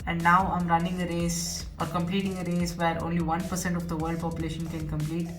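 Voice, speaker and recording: A nineteen-year-old man with an Indian English accent earnestly retells his experience in a personal vlog, repeating himself along the way. His voice is a little high, completely flat, and fairly quick, picked up by a distant mic with background music behind him.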